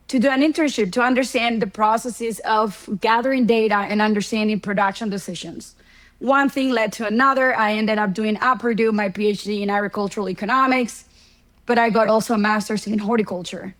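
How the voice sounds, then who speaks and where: A woman's voice: a little high, rough recording. Woman from Ecuador, explaining steadily. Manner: explanatory, uses fillers and examples. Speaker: guest, horticulture economics professor. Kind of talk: conversational interview answers.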